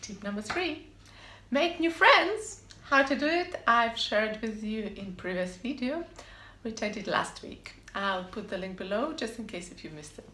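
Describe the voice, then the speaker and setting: A woman's voice: medium pitch, expressive, moderate pace, sharp tone. Upbeat woman vlogger in an echoey room. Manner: upbeat, emphatic, repeats short punchy answers. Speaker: vlog host giving advice on living abroad. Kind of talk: scripted tips to camera. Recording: echoey room with faint ambience.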